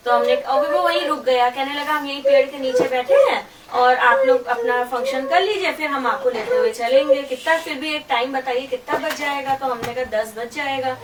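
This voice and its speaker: A middle-aged woman with a high voice gives her testimony to a congregation as a church member, telling a story and quoting what others said. She speaks at normal speed with few pauses, captured from far off in an echoey, noisy room.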